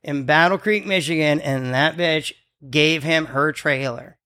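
A man's voice: a little high, a little slow, pushed and bright, clear, resonant tone. Crude, rambling man in his forties. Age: 40s. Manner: crude, profane, rambling anecdotes. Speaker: podcast host. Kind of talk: casual comedic storytelling.

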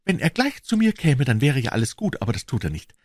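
A man's voice: mid-range voice, very animated, fast talker, darkish tone, no echo, studio quality, pitched above the performer's own voice. A man voicing an anxious, bitter older woman, a former nanny, in a storybook reading. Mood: bitter, grim.

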